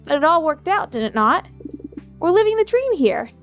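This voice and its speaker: A kindly, unhurried elderly grandfather speaks in a soft, mild voice, as a woman puts him on. His talk drifts along slowly, never sharp. Faint music plays underneath. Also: extremely high pitch, very animated, dull audio, pitched above the performer's own voice. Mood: gentle. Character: gentle, easygoing old grandfather.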